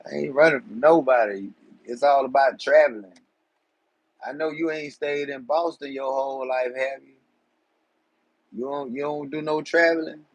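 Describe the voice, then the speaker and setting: A man chats loosely with his live-stream viewers in streetwise slang. His voice sits at an ordinary pitch with a husky, slightly rough edge. The sound is dry, with no room echo. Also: fairly even intonation, normal speed, pauses often, muffled recording. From Georgia, USA. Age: 40s. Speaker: livestream host.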